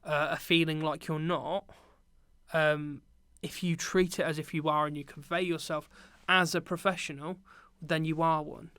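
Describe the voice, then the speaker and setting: Chatting as a podcast guest, this young adult from Britain, who teaches and runs a business, tells easygoing stories about work, peppered with ums. He speaks at a normal speed in a slightly high, clean voice with no echo.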